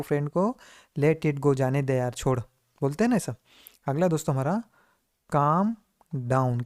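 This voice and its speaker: A man teaching spoken English in Hindi, who keeps calling his viewers friends and asks and answers his own questions, slowing down to drill each English phrase. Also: fairly high pitch, dark tone, no room sound, clean studio sound. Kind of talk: Hindi-medium English lesson, repeat-after-me drills.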